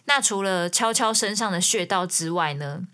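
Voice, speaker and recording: Woman, lowish voice; relaxed first-person storytelling, filler-heavy. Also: moderate pace, smooth. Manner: chatty, ends phrases with soft fillers. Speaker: singer-songwriter. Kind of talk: casual storytelling.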